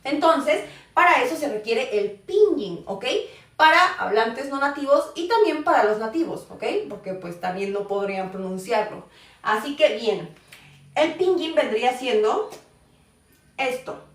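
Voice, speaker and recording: Lady teacher explaining slowly, checks in with "ok?" a lot, sounds far off the mic in an echoey room, highish voice. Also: expressive, fairly bright tone. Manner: patient, checks in with "ok?" often. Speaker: Mandarin teacher. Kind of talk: live online class. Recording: roomy echo, voice far from the mic.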